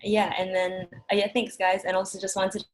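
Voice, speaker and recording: A young woman from Singapore introducing her group on a video call, relaxed and friendly. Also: medium pitch, normal speed, low-quality recording. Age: young adult. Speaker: youth council member. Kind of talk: casual introduction.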